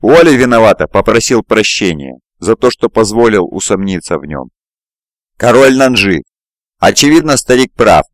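Male audiobook narrator, low voice, dry close home recording, steady reading. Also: normal speed, no echo. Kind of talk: scripted fantasy narration. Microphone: close mic, home recording.

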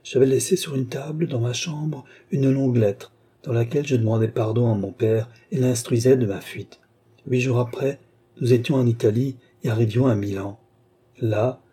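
Here a male audiobook reader, pitched at an ordinary medium level close to everyday speech, gives voice to a grieving young woman sharing her history. The delivery is husky, gentle and mellow, staying confessional and measured from start to finish.

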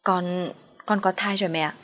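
A woman voicing a young wife, firm in retorts and gentle with her mother-in-law. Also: fairly low pitch, steady tone, moderate pace, lightly acted.

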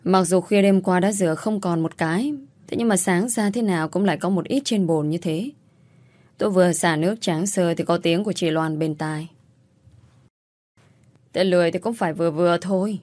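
A woman narrating a first-person family story in a steady, even reading. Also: lowish voice, moderate pace, dry recording.

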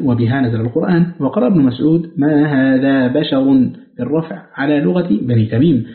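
A man reads a scholarly text aloud in a measured, formal manner and slows to chant each quoted verse. His voice sits in an ordinary middle pitch. The recording is thin and phone-like, with a roomy echo around it. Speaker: audiobook reader. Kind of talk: reading an Islamic studies book aloud. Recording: echoey, phone-like narrow sound.

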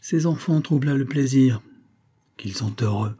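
A man reading a calm, brooding young captain. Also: mid-range voice, moderate pace, breathy edge, voice pushed up, natural voice.

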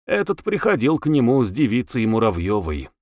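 A man reads a novel aloud as an audiobook narrator, with a lively, well-shaped intonation. His voice sits at a middle pitch in a dry, close recording with no room sound. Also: brisk, dry recording.

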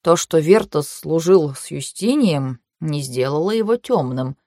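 Woman reading as a slow hesitant old mentor guy, dry close audio. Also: deep voice, expressive, dark tone, dry recording, voice pushed down, heavily acted. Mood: measured. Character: elderly male clan mentor, fussy and measured. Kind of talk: audiobook character voice.

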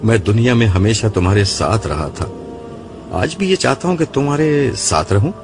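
A man's voice: fairly low pitch, expressive, music in the background. A man doing a teasing jinn friend, playful. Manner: teasing, mock-innocent. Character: mischievous male jinn companion, playful.

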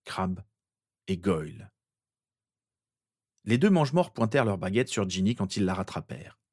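Brief: male narrator, very low voice, steady storytelling read. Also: moderate pace, dry recording, clean studio sound. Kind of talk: audiobook fan fiction reading.

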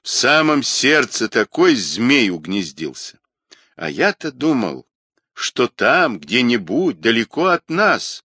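Stern older colonel, read by a male narrator, slow, suspicious and scolding. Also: mid-range voice, sing-song, bright, forceful tone, breathy edge, no room sound, studio quality, full character voice.

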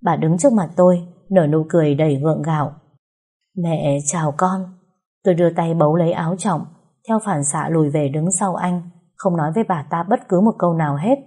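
Woman narrator, storytelling, steady reading, low-pitched voice, roomy echo. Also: fast talker.

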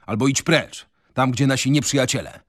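A man's voice: mid-range voice, normal speed, dry recording, clean studio sound, pitched above the performer's own voice, close to an everyday voice. A man reading a novel on radio, voicing a fiery, defiant young male revolutionary. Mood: fervent. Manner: fervent, declamatory.

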